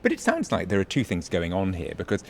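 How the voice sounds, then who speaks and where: A man's voice: sits low, huge pitch swings, fast talker. A man interviewing a guest, asking thoughtful, probing questions. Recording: faint background noise.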